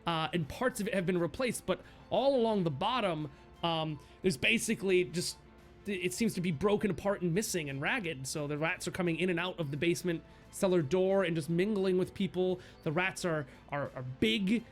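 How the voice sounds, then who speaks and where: A man puts on the voice of a jubilant tavern keeper, gushing with thanks and exclaiming everything. The voice sits high and lively. Faint music plays behind him. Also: moderate pace. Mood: explaining. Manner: effusive, exclaiming. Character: jovial grateful tavern bartender, grown man.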